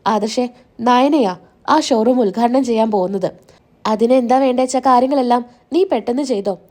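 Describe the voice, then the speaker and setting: A woman's voice: a little high, moderate pace, darkish tone, natural voice. A woman voicing a firm matriarch who settles family business decisively. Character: firm older matriarch favoring one daughter-in-law.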